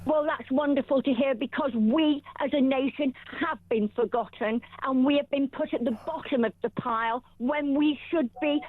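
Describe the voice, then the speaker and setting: High-voiced woman caller on a phone line. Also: moderate pace, few pauses, no room sound. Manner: indignant, emphatic, aggrieved. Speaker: radio show caller. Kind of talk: phone-in opinion, political complaint. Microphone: telephone. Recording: thin telephone line.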